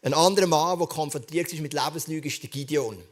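A man's voice: fairly high pitch, fast talker. Earnest male preacher. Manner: earnest, conversational preaching with direct address to listeners. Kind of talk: sermon. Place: church service, livestreamed.

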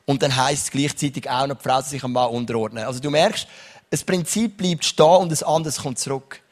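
A man's voice: medium pitch, brisk. A young man preaching a sermon as pastor, reading Bible verses and often turning to his listeners with a questioning "oder?". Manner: lively preaching, reads Bible verses, asks the crowd "oder?".

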